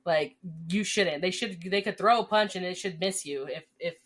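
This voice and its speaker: Woman cohost, talks fast and loose, swears a lot, laughs through her stories. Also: lowish voice. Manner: animated storytelling, swears freely, laughs often. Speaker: podcast co-host, former corrections officer. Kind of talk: casual chat.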